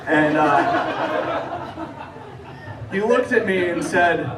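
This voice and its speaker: A man performs stand-up in a casual, storytelling way, dropping in hesitant asides. His voice sits a little high for a man. He is picked up from some distance in a live room, with clear noise and audience laughter behind him. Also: big pitch swings, drawn-out words, roomy sound. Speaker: stand-up comedian. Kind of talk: stand-up comedy set to an audience.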